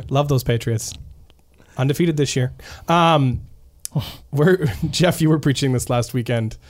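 A man hosting a podcast in a relaxed, casual chat, steering the conversation. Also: mid-range voice, slow. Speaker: podcast host.

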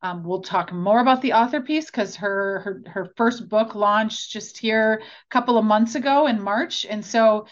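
A woman's voice: medium pitch, a little slow, hardly any pauses. Upbeat woman podcast host, lo-fi sound. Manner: upbeat, enthusiastic. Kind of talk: podcast interview. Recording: dull lo-fi sound.

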